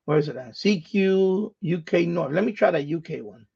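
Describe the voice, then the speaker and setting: Male live stream host, husky higher voice, chatty and muttering with louder radio calls, lo-fi sound. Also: expressive, normal speed. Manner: muttering to himself, with louder call-outs. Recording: dull, lo-fi sound.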